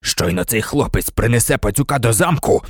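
A man reading aloud, voicing a hoarse, desperate male fugitive. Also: mid-range voice, expressive, fairly quick, no echo, clean studio sound, close to an everyday voice. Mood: defiant.

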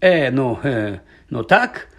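A man's voice: on the high side, lively intonation, moderate pace, husky. A man voicing a vain, flustered male celebrity wizard professor who stammers through hesitant fillers in pompous speeches. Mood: flustered, evasive.

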